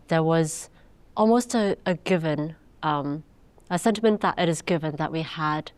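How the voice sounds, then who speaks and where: A young adult woman from Hong Kong, a podcast guest, speaking thoughtfully with frequent pauses and fillers. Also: deep voice, smooth, no room sound. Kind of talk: interview conversation.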